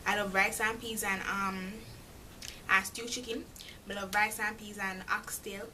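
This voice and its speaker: A woman's voice: mid-range voice, steady tone, a little slow, pushed and bright, distant mic, a little hiss or hum. A young woman from Jamaica with a Jamaican accent, chatting casually to camera and slipping into dialect. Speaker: vlogger.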